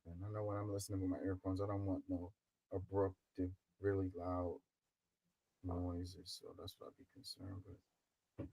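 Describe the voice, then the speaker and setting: A man hosting a casual livestream over a headset mic, his voice muffled and low as if heard through a wall, talking in a loose, drawling way. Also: mellow, no echo. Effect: muffled, low sound, as if heard through a wall. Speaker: livestream host. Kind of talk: casual live chat.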